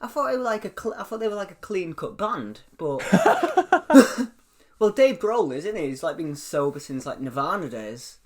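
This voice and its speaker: A man, co-hosting a casual chat and telling stories in an animated way, laughing often and swearing freely. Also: high voice, normal speed, a crowd in the background. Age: 20s. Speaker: podcast co-host.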